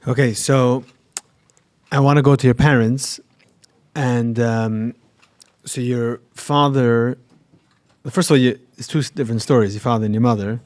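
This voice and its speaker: A man's voice: mid-range voice, steady tone, moderate pace, a little mellow. A man speaking casually as an interview host.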